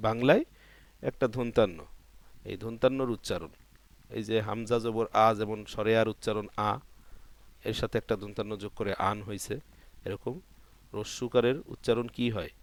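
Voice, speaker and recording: A man with a fairly low voice and a Bangladeshi Bengali accent teaches Quran reading. He walks through each rule step by step, repeating the letter sounds slowly so students can follow. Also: fairly even intonation. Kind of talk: patient spoken lesson.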